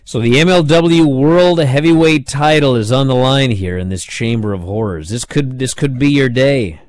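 A man co-hosting an interview, asking lively, rambling questions. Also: mid-range voice, normal speed, no echo. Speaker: podcast co-host.

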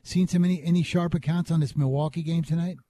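A man's voice: on the high side, steady tone, fast talker, dark tone, dry recording. A man hosting a sports betting show in a casual, chatty style.

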